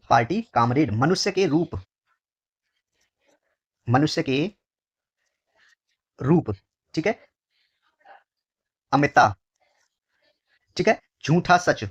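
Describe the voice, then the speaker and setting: A Hindi exam teacher from India going through test questions. He repeats each phrase slowly, calls his pupils dear children, and drops his voice on each answer word. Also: a little high, husky, muffled recording. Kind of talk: exam question walkthrough lesson.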